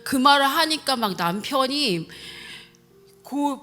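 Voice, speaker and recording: Middle-aged woman, church testimony, fairly high voice, vivid emphatic storyteller, faint music behind. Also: takes it slowly. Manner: animated storytelling, full of emphatic sound words. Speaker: church deaconess giving testimony. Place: church sanctuary.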